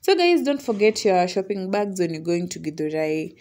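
A young woman with a Kenyan accent narrating a casual vlog, chatty and quick to laugh. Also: on the low side, sing-song, darkish tone. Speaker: vlogger. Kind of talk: casual vlog voice-over mixing English and Swahili slang.

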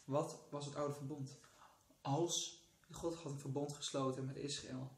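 A man's voice: medium pitch, steady tone, unhurried, roomy sound, slight background noise. A man with a Dutch accent speaking in a casual devotional vlog from his couch, fervent and often bursting into praise. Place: sitting on a couch indoors.

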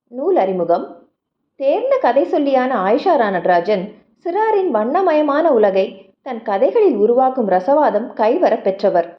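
A woman narrating a children's audiobook in a lively storytelling manner, often asking the young listener questions. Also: a little high, highs cut off.

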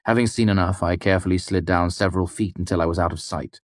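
A man narrating a fantasy novel in the first person, with a measured storytelling delivery. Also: sits low, fairly even intonation, no room sound, clean studio sound. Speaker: audiobook narrator.

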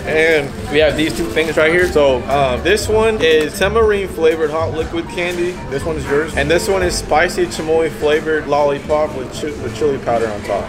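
Young man, slightly high voice, frat-bro slang, casual challenge host, loud music behind. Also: moderate pace, hardly any pauses. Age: young adult. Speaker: host of a food challenge video. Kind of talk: casual challenge vlog chat.

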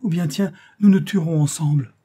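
A man's voice: fairly high pitch, moderate pace, mellow, slightly rough, voice pushed up. A man voicing a desperate young peasant girl. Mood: desperate pleading. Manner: pleading, impassioned cries.

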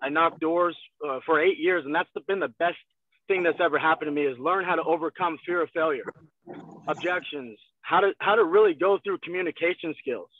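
A man in his twenties giving an energetic motivational sales talk from a car, heard over a video call. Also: fairly high pitch, fairly quick, slight background noise. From Texas. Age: 20s. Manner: energetic, gestures a lot, repeats phrases. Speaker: guest salesman. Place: in a parked car. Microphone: phone on a video call. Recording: thin phone-like video call audio.

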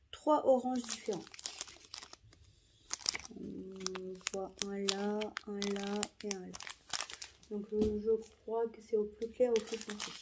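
Woman, unhurried, hesitant, soft-spoken, casual unboxing commentary, light background hiss, crinkling packaging. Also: mid-range voice. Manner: halting, many fillers and repeats, soft-spoken. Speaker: vlogger.

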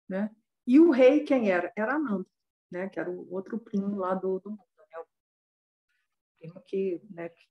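A woman's voice: medium pitch, roomy sound. A woman, a dharma teacher conversationally retelling a Buddhist story with frequent filler tags.

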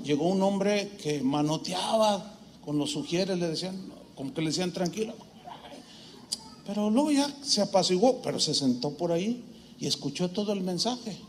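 High-voiced Mexican pastor telling a story. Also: male voice, slight background noise. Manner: animated storytelling, acts out dialogue, humorous asides. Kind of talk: sermon with a personal story. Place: church, preaching to a congregation.

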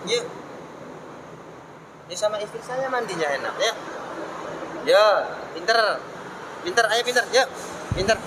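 A man, his voice pitched fairly high, talks into a handheld phone outdoors near a street. He coaxes and cajoles with short commands repeated again and again. A faint hum of street noise sits behind him. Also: expressive, a little slow, long pauses. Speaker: vlogger. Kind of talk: casual handheld vlog narration.

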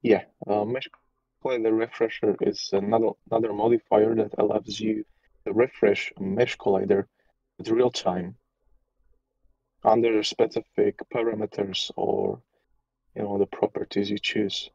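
Developer on a video call, a low man's voice with a gravelly edge, hesitant and full of restarts, and the audio comes through muffled and lo-fi over a poor connection. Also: little pitch movement, moderate pace, darkish tone, no room sound. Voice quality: hesitant, with many restarts and fillers. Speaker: software developer explaining his tool. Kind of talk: casual technical explanation on a call.

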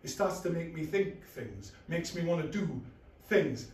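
A man's voice: a little high, lively intonation, measured pace, darkish tone, voice pushed up. A man performing a stage monologue as an anguished, panicking young man, in raw, intense short bursts. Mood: mounting dread. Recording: echoey room, far from mic, faint noise.

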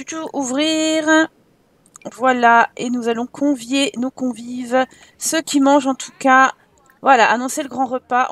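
High-voiced woman chatting over gameplay. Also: a bit bright. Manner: chatty, teasing, scolds her game characters. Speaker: let's play host. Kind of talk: casual gameplay commentary.

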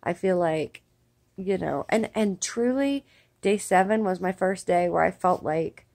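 Gravelly-voiced woman speaking with new dentures. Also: lowish voice, unhurried, darkish tone. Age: 30s. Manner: chatty, upbeat, addresses viewers directly. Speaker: vlogger. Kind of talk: casual vlog chat.

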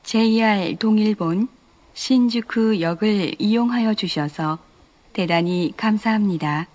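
A woman making formal train announcements over a station PA loudspeaker, slow and even. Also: mid-range voice. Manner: slow, formal, evenly paced.

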